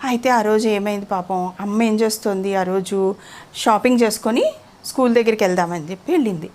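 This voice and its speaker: Telling a child a moral story in a conversational way, a woman keeps pausing to ask the child questions. Her medium-pitched voice is brisk and somewhat dark in tone.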